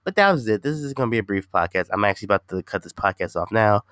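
Animated and talking fast, this man has a fairly low voice with a somewhat bright tone, captured in a dry studio-quality recording. A podcast host and gaming streamer, he rambles informally on his solo show, repeating himself and sounding nasal from a slight cold and stuffy nose.

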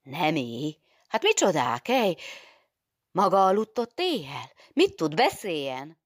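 A woman's voice: sits low, very animated, dry recording, studio quality, pitched above the performer's own voice. A woman voicing a stern, fretful middle-aged nun superior who scolds and gives orders in an agitated way. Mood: alarmed.

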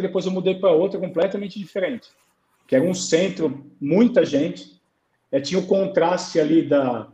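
A man's voice: on the high side, dark tone. Man telling stories in an echoey room. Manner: storytelling, acts out dialogue. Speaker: guest goalkeeper coach. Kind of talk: conversational interview on a live stream.

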